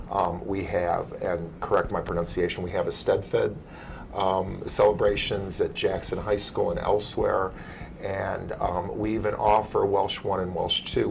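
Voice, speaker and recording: A man's voice: sits low, vocal fry, a little hiss or hum. An American man hosting an interview in a conversational but formal way, as a university provost would.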